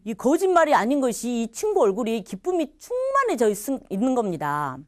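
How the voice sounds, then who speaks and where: A middle-aged woman from Korea recounts her faith testimony in a lively storyteller's manner, slipping into the voices of the people in her story. Her voice sits a little high and moves through a wide, expressive range. The sound is close and dry, with almost no room around it. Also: fairly quick, dry recording. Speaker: church testimony speaker.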